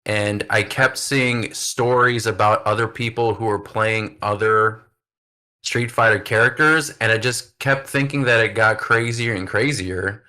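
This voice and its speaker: An American wrestling podcast host with a lowish, sharp-toned voice chats casually at a slightly slow pace. He keeps things upbeat and leans heavily on filler words.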